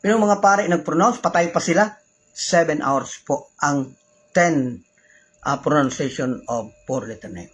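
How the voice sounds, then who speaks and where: In a rough recording, a Filipino man from the Philippines with a Filipino accent teaches religious law casually, his voice a little high, slightly slow, and breathy. He mixes Tagalog and English, adds polite particles, and poses rhetorical questions.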